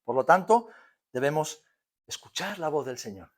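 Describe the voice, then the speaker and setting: Animated Spanish preacher man. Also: fairly high pitch, moderate pace. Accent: Spain. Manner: lively preaching, swinging between loud emphasis and soft hush; asks the congregation frequent rhetorical questions. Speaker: pastor. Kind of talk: sermon. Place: church hall.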